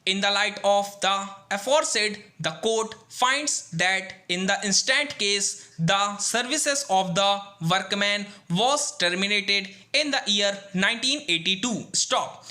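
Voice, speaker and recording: A man with an Indian accent dictating formal text for shorthand practice, reading in measured phrases and calling out punctuation. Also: sits high, bright, forceful tone.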